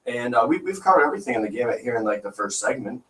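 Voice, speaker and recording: A man co-hosts an internet radio show from a desk microphone in a small studio, rambling and joking in casual chat with many restarts. He sounds animated and a bit bright at medium pitch, racing along, and the recording is roomy and distant from the mic.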